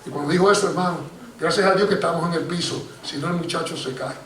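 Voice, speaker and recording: Heard from a distance in an echoey church hall, this man preaches fast in a fairly high voice, with a little background noise. As pastor, he tells a story in an animated sermon, often addressing the congregation as brothers, "hermano."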